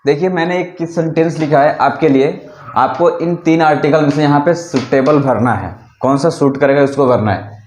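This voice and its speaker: A man teaching an English grammar lesson, explaining rules slowly and repeatedly while asking his students questions. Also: a little high, a little mellow, roomy sound, a little hiss or hum.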